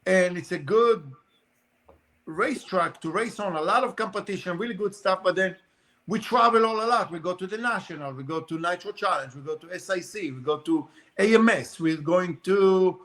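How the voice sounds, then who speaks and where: A man with a high, bright, forceful voice talks in a loose, rambling way, piling up fillers like "you know" and "like" as he tells racing stories. It is casual podcast conversation, animated and unpolished. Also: moderate pace. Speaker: guest, RC car racer.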